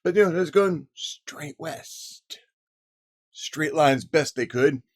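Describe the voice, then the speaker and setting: A man's voice: a little high, takes it slowly, pitched above the performer's own voice. A man slipping into a folksy Old West cowboy voice, raised well above his own, while talking about frontier towns. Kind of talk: cowboy voice in a monologue.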